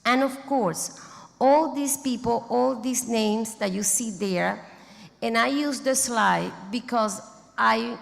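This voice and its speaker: At a large conference hall, a woman who isn't a native English speaker gives a formal closing speech, thanking organizers and naming board members while halting and restarting mid-phrase. Her voice is a little high and gravelly, with long hall reverb on the recording.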